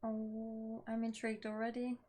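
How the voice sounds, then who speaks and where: Her voice is a little high yet dark in tone, delivered in a monotone at a moderate pace. The woman is a game streamer reading a visual novel out loud, pausing between lines for casual reactions while game music sits behind her.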